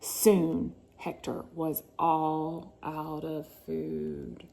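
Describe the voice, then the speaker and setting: A mother reads a storybook to her sons in a dramatic, suspenseful style, drawing out words and adding chatty asides. Oddly, her low-pitched, gravelly, mellow voice has a completely flat delivery, and she speaks very slowly.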